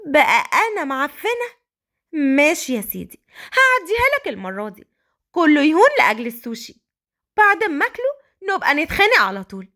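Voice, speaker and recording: A spirited, cheeky young wife in a storybook romance, voiced by a woman reader. Her voice sits high and leaps about in lively, bantering lines. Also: a little fast, full character voice. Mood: playful.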